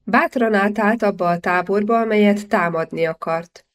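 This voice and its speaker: A woman narrating a historical novel in a measured, even storytelling manner. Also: medium pitch. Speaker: audiobook narrator. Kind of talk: scripted literary narration.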